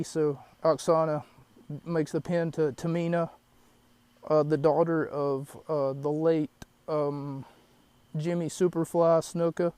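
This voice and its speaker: Shook-up guy rambling thru his podcast in a parked car, kinda high voice, dry close sound. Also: dark tone, clean tone, no echo. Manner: rambling, shaken, many fillers. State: shaken, catching his breath. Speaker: podcast host. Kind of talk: solo podcast, wrestling recap. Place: parked car in an empty lot.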